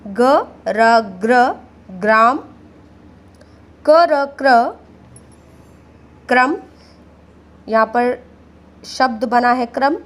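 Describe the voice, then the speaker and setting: Slow, high-voiced woman teacher. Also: fairly bright tone. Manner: patient, repeats words, addresses children. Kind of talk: slow classroom explanation.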